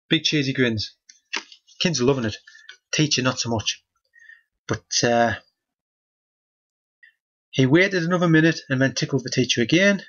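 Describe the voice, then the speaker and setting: A man with a husky voice reads a children's picture book aloud and keeps stopping for deadpan, mock-outraged commentary. His pitch sits in a middle register. The sound is dull and lo-fi. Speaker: host reading a children's book. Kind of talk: comic book reading with running commentary.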